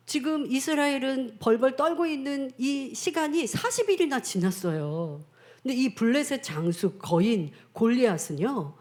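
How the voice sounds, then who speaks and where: A woman pastor tells a story in a children's sermon, speaking straight to the kids. Her voice is fairly high and swoops all over in animated storytelling.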